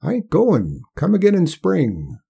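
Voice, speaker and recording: A man's voice: high-pitched, wildly swooping pitch, measured pace, creaky, mellow, slightly rough, pitched above the performer's own voice, heavily acted. A man voicing a stubborn, folksy old backwoods man with a drawling country way of talking. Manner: drawling country speech, raised and insistent.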